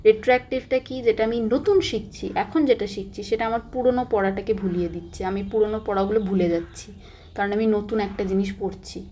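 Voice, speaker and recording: A woman's voice: mid-range voice, a little fast, dark tone, slight background noise. A young woman teaching psychology exam revision. She stresses key points, repeats them and mixes in English terms.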